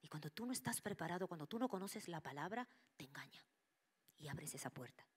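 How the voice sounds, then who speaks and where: A woman preaching to her church, telling a personal testimony with lively storytelling and dropping into whispers for quoted voices. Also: deep voice, brisk, slightly rough. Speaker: church speaker.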